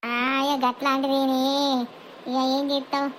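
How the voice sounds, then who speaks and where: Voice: high-pitched, monotone, a bit bright. A performer voicing a chatty, boastful middle-aged village woman with a Telangana accent in a cartoon comedy. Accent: Telangana Telugu. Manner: brash, gossipy, quick banter. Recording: faint background noise.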